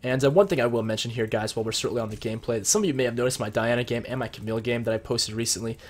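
This gameplay commentator is a young man fighting a cold, which leaves his voice somewhat deeper and husky. He speaks very fast and in a chatty way, walking through his strategy as he plays a video game at his computer in a room at home.

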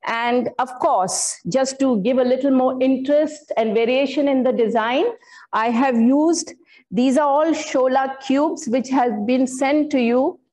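A woman's voice: high voice, measured pace, darkish tone, low-quality recording. An older woman giving a floral art workshop demonstration, explaining her materials step by step with some fillers. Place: indoor studio room.

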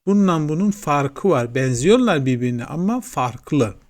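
A man with a Turkish accent teaching English, slowly repeating example sentences in a classroom-style lesson. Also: a little high, big pitch swings, darkish tone. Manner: slow, drilling repetition of example sentences.

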